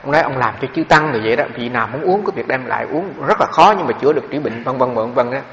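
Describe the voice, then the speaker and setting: A man's voice: medium pitch, expressive, quick pace, fairly bright tone. A man, a Buddhist monk, giving a dharma talk on meditation, telling stories with many repeated fillers. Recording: dull recording with long hall reverb and faint background noise.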